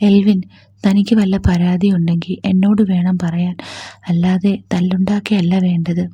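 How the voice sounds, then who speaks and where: A woman voices a stern male college principal who scolds with sharp words, in a storybook reading. The voice stays low and husky with a dry, close sound. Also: little pitch movement, normal speed, no echo, dull audio. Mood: angry.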